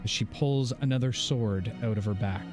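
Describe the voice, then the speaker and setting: A man narrating a tabletop fantasy game as game master, measured and descriptive with dramatic pauses. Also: lowish voice. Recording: background music under the voice.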